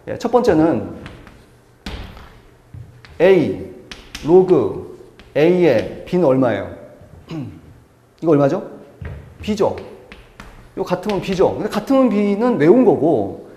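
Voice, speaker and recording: A man's voice: sits high, darkish tone. A male math teacher lecturing a class, emphatic and repetitive, asking questions and answering them himself. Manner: emphatic, repeats key words, asks and answers own questions. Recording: echoey classroom with long reverb.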